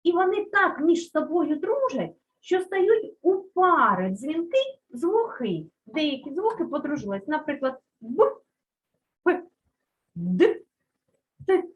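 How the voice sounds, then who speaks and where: A woman's voice: high voice, big pitch swings, a little slow, highs cut off. A woman from Ukraine teaching a lesson to young children, stretching out key words and coaxing them with questions. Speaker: primary school teacher.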